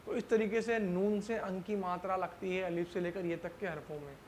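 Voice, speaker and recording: A man teaching a language lesson. He explains slowly, asks himself questions and answers them, and stretches out example syllables carefully. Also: high voice, fairly even intonation, slight background noise. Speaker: Urdu teacher. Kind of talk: classroom-style language lesson.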